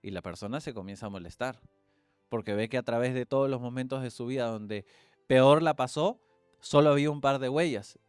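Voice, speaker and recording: A man's voice: brisk, clean tone, no room sound, faint music behind. A man, preaching a sermon and telling stories, acting out the voices in them. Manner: storytelling, acts out quoted voices with big pitch swings.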